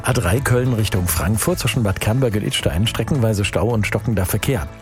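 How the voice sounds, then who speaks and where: A man hosting an afternoon radio show, reading traffic news and chatting in a cheerful, energetic way. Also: on the low side, brisk, soft background music. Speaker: radio host. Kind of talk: upbeat radio presenting with traffic report.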